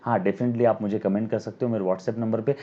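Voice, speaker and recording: A man giving an accounting lecture to camera, dictating definitions slowly, repeating words, and addressing students as his children with frequent "yes or no?" checks. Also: lowish voice, fairly even intonation, muffled recording. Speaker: accounting teacher. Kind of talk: recorded video lecture. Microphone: camera mic.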